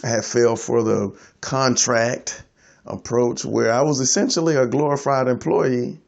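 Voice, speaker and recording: A man who works as a freelance IT consultant, sharing his story in a reflective monologue, halting and repeating words as he goes. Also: medium pitch, fairly even intonation, vocal fry.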